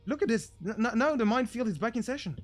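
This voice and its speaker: A man casting a video game match as comedic commentary, excitable and jokey, swinging between muttered asides and shouted hype. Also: very high voice, fast talker, faint music behind. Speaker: game caster.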